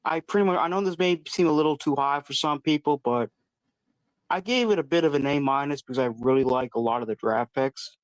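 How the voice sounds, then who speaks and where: A guest caller on a live show chats casually in a fairly high, fairly quick, smooth male voice. He is easygoing but a bit hesitant, using fillers and restarts. The recording is rough, though without echo.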